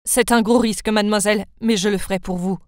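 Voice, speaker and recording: A woman voicing a calm, loyal young male assistant who speaks formally and deferentially in an animated story. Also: mid-range voice, fast talker, no room sound, studio quality, voice pushed down, close to an everyday voice. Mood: pleading.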